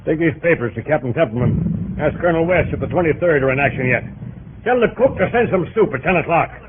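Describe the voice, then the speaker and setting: An actor playing a brisk, plain-spoken army general, businesslike and commanding, in old radio drama style. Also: male voice, a little high, lively intonation, close to an everyday voice. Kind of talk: 1940s radio acting. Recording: old noisy radio, phone-like band.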